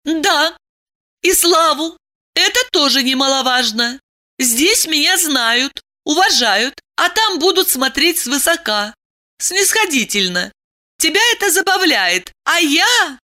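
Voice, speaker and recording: A woman reading an audiobook voices a proud, hysterical woman who shouts in outrage. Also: lively intonation, measured pace, heavily acted. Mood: haughty. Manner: shrill, indignant, shouting. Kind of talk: audiobook character voice.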